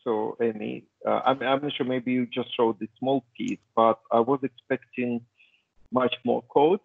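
A man's voice: medium pitch, fairly even intonation, unhurried, vocal fry, husky, no echo. A man attending an online meetup, commenting hesitantly and repeating his words. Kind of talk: casual question. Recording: tinny phone-like call audio.

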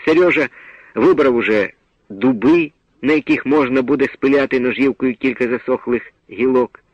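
Guy reading a story aloud, steady and dramatic, mid-pitched, dull old radio sound. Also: moderate pace, no echo. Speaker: narrator. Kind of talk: scripted audiobook narration.

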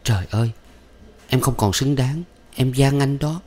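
A man voicing a sorrowful young woman who talks softly and bitterly. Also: on the low side, moderate pace, close to an everyday voice. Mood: pleading. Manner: soft, bitter.

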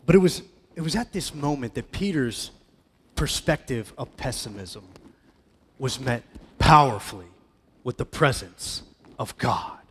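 A man preaching a sermon as pastor, with a dramatic delivery that swings between loud emphatic passages and hushed ones. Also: mid-range voice, expressive, a little slow, long pauses, a little hiss or hum. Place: church hall. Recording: church hall with long reverb.

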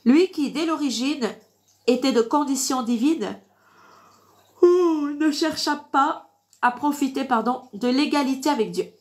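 With a high voice and lively intonation, a woman preaches on a livestream at a measured pace. Her nose sounds blocked and congested as she reads verses and teaches the Bible informally, repeating points in a didactic manner and closing them with amens.

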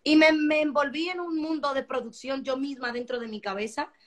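A woman singer talking about her album in a casual interview, animated and expressive, often repeating words as she searches for them. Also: sits high, a little fast. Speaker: singer-songwriter guest.

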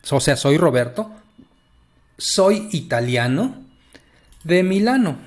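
A man's voice: on the high side, very animated, takes it slowly. A man teaching a casual language lesson, chatty and encouraging, stretching out words as he explains.

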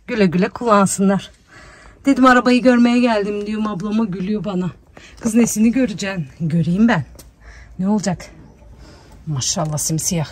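A woman's voice: medium pitch, fairly quick, darkish tone. Chatty woman vlogging her day. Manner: chatty, talks to her dog in a cooing voice. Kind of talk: casual vlog chat. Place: home kitchen and outdoors.

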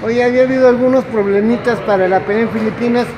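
A sports reporter speaks from off camera in a high voice for a man, asking brisk questions. Clear noise surrounds his voice in the recording. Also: fairly even intonation, lo-fi sound. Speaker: boxing news reporter. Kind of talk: interviewer questions.

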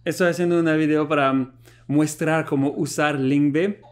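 A French man in his thirties with a slightly high voice talks at a normal speed. He hosts a YouTube channel and is reviewing a language app, chatting casually on a phone call and presenting to camera from his living room. He's friendly and lively, laughs a lot, and switches between languages.

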